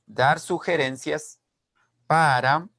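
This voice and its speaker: A man teaching an online class, explaining slowly and repeating key phrases while checking that students follow. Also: a little high, creaky, a bit bright, dry recording, studio quality. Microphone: video call.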